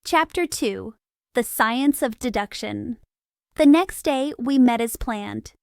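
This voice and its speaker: Clear, smooth woman narrating an audiobook. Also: fairly high pitch, slow pace, no room sound, studio quality. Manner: clear, steady, simple storytelling. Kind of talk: scripted narration for English learners.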